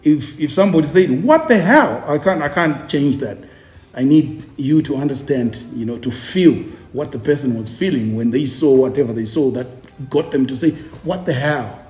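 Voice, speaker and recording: Chatty Zimbabwean tour guide, roomy sound. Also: male voice, medium pitch, expressive, normal speed, a little mellow. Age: 40s. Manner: chatty, jokey, repeats words while searching. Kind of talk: casual interview. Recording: roomy echo.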